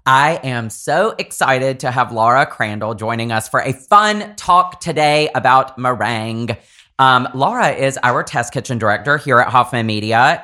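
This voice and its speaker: A man's voice: mid-range voice, bright, forceful tone. A man with a Southern US accent hosting a baking podcast in an enthusiastic, chatty way. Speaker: podcast host. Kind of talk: casual podcast chat.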